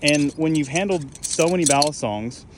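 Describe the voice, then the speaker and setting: A young balisong-flipping YouTuber rambles casually on camera about his hobby, laid-back and full of fillers like "like" and "you know what I'm saying." His voice is fairly high at a normal speed, recorded on the camera mic as he flips, with traffic and jangling noise behind him.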